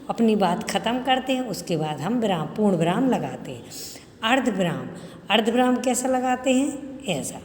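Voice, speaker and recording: A woman's voice: fairly high pitch, darkish tone, a little hiss or hum. A woman teacher giving a grammar lesson to young pupils, explaining step by step and asking questions she answers herself. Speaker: school teacher. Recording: echoey room with long reverb.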